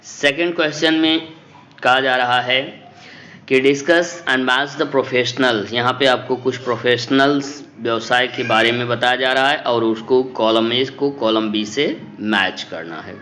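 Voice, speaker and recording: A man's voice: mid-range voice, measured pace, pushed and bright, a little hiss or hum. A man explaining an English textbook lesson, reading the English lines and then explaining them at length in Hindi. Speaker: English teacher.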